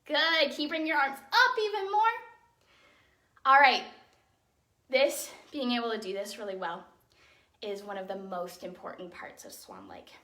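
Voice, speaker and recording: Her voice a little high, pushed and bright, a young woman teaching ballet guides children through a dance, very animated yet unhurried, with long pauses. She counts out the moves and gives simple, encouraging step-by-step directions. The sound is roomy and echoing from a distant mic.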